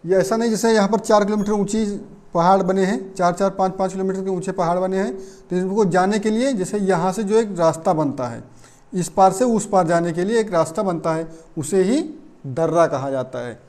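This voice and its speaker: A man's voice: high voice, normal speed, a little mellow. A man teaching an exam-prep geography lesson, pointing at a map and repeating lists for memorizing. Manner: repeats lists for memorizing, frequent "theek hai".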